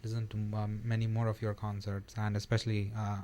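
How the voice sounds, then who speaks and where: A man's voice: on the low side, monotone, fairly quick, dark tone, a little hiss or hum. A man hosting a radio interview in a studio, speaking hesitantly with many fillers. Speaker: radio host. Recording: dry studio sound.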